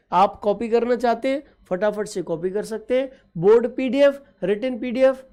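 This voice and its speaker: A woman's voice: medium pitch, darkish tone. A woman teaching an exam-prep geography class over a map, fondly calling her students children and quizzing them with repeated questions and frequent okay checks. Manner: affectionate, addresses students as children.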